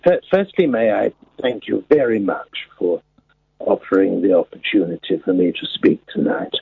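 A male caller putting on the voice of a long-winded, formal elderly gentleman over eighty-five, with a husky, gravelly tone and a stammer. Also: fairly low pitch, sing-song, normal speed, dry recording, heavily acted. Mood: pompous. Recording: phone line.

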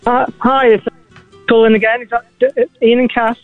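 A man calling a radio show over the phone, telling a story in a halting way, with many pauses and fillers. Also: very high-pitched, little pitch movement, no echo, soft background music. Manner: halting, full of "uh" and "um". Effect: heard over the phone. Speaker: caller. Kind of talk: casual phone-in chat. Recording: dry, tinny phone line.

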